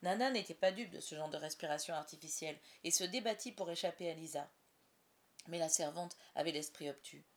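A woman narrating a storybook aloud with expressive storytelling. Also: deep voice, brisk. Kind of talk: audiobook narration.

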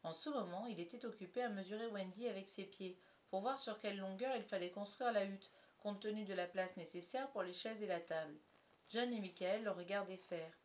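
A woman narrating a storybook aloud, with soft, confiding asides to the listener. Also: medium pitch, fairly quick. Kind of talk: storybook reading.

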